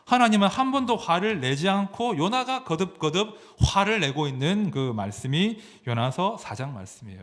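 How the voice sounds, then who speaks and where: A pastor delivering a sermon in a voice a little higher than most men's, with pitch that rises and falls a lot. He keeps asking the congregation questions and gives God's lines a gentle, personal tone. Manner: lively preaching with questions to the congregation.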